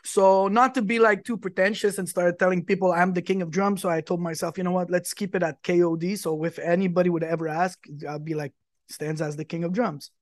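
Eager musician guy from quebec, pretty high voice, dry close sound. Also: fairly even intonation, brisk, no echo. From Quebec, Canada. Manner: eager, talks in long run-on stories. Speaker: guest musician. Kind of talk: casual interview chat.

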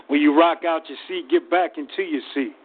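A man's voice: fairly high pitch, a little hiss or hum. A man hosting a casual call-in radio show in a slangy, encouraging way. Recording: narrow phone-like radio stream.

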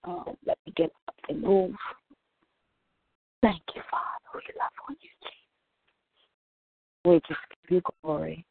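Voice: mid-range voice, very animated, unhurried, gravelly, long pauses, a little hiss or hum. A prayer line leader praying earnestly over a phone call whose bad reception breaks up the voice in choppy dropouts. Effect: phone signal breaking up, choppy dropouts. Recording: tinny dry phone line.

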